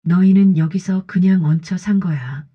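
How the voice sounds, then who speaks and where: A woman's voice: fairly low pitch, moderate pace, slightly rough. A woman voicing a stern, defiant 68-year-old mother in an audiobook drama, speaking curtly and coldly. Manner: curt, cold and firm. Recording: slightly dull lo-fi audio.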